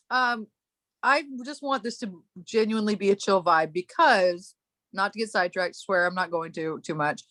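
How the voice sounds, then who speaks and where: A woman's voice: medium pitch, normal speed, sharp tone, dry recording. A woman hosting a casual chat, telling a long story in a rambling way, breaking off and laughing often. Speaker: podcast host.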